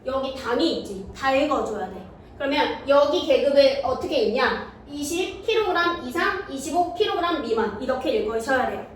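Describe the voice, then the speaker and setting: A woman's voice: high-pitched, lively intonation. A woman teaching middle school math in a classroom, often stopping to check whether students follow. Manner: checks understanding with quick questions to students. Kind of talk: classroom lecture. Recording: very echoey room, mic far off, faint noise.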